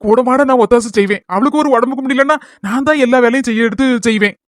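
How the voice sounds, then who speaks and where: A man's voice: very high-pitched, dry recording, studio quality. A man voicing an elderly widowed village father who fusses fondly over his daughter and son-in-law in a family skit. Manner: fussy, doting, talks fast.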